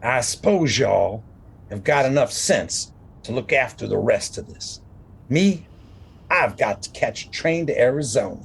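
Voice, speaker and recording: Woman putting on a husky gruff cowboy sheriff, dry drawl, swoopy voice, radio play. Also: rumbling low, animated, unhurried, pitched below the performer's own voice, full character voice. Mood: matter-of-fact. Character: gruff laconic male Western sheriff, middle-aged. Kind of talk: radio drama acting.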